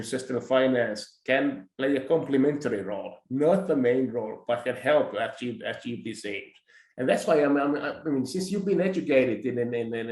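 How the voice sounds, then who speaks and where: A man, hosting a discussion and calmly pushing back on his guest's view. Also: mid-range voice. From Finland. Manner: measured, pushes back politely. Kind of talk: conversational discussion. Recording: roomy echoing audio.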